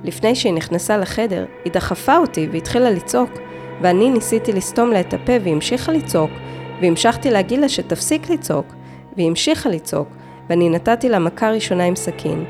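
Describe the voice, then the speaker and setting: A woman narrating a true-crime story, reading in a measured way with short, clipped phrases. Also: medium pitch, lively intonation, music in the background. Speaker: podcast narrator.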